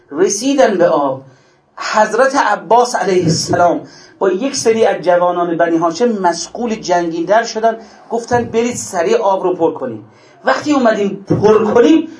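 A male preacher giving an impassioned mourning sermon, rising to exclamations and then dropping low. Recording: echoey hall.

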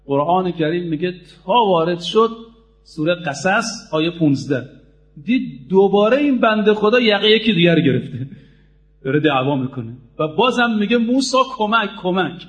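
High-voiced emphatic male preacher. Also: lively intonation. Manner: emphatic, addresses the audience directly. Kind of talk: sermon.

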